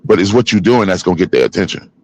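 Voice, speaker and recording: A man in his fifties talking forcefully in a heated panel discussion, preaching in street slang. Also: low voice, racing, highs cut off, slight background noise. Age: 50s. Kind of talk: heated casual panel talk.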